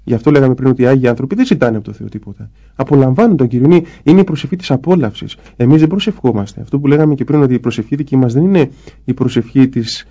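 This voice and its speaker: A man's voice: medium pitch, warm tone, muffled recording. A man, a priest, talking about prayer in a conversation, explaining patiently and acting out little dialogues as he goes. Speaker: Orthodox priest guest. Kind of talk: spiritual talk in conversation.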